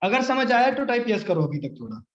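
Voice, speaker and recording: A young man with a fairly high voice leads a live online sales training. He coaches with energy and switches into quick sample conversations. His voice sounds roomy and a little dull, like live-stream audio. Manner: energetic, coaching, acts out both sides of sample chats.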